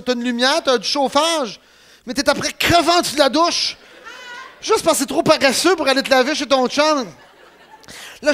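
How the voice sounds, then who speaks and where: A radio host with a Quebec French accent and an extremely high pitch tells a comic story excitedly, laughing and letting out yelps as he goes.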